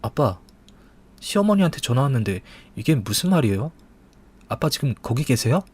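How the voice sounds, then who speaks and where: A man's voice: mid-range voice, very animated, normal speed, husky. A man voicing a young wife who sounds wronged, pleading and upset.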